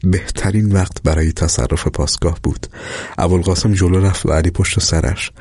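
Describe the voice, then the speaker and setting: A man reading a story aloud in a measured, steady way as narrator. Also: low voice, husky, no room sound. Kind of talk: scripted audiobook narration.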